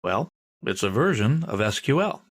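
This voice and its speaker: A man's voice: fairly low pitch, very animated, normal speed. A male instructor giving a screen-recorded tutorial lecture, patiently explaining and pointing things out on the screen.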